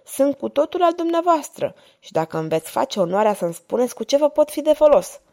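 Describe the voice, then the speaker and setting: A woman's voice: sits high, very animated, pitched above the performer's own voice. A woman voicing a bold young French knight. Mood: gallant. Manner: loud and bold.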